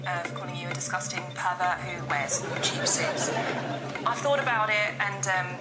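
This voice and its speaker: A woman leaving a played voicemail message, apologising sheepishly in a halting way with plenty of hesitations. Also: fairly low pitch, over a noisy crowd. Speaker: comedy panel show guest. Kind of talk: scripted comic voicemail. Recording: roomy sound with music behind.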